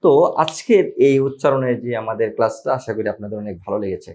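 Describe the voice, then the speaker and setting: Slow-drilling male pronunciation teacher. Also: fairly low pitch, expressive, darkish tone. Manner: slow, repeats each word several times; addresses viewers as brother. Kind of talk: informal pronunciation lesson.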